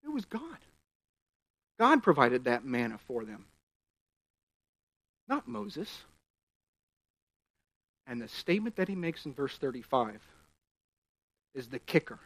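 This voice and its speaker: A man preaching a sermon, reading scripture aloud and explaining it, his voice rising loud at key points. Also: medium pitch, very animated, slow, pauses often, no room sound.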